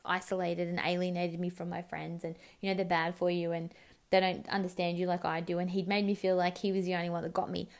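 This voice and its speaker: Aussie woman, young, talking straight about something heavy, swears a lot, blunt. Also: on the low side. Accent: Australian. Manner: candid and raw, swears freely, quotes others in bursts. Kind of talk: personal story told to camera.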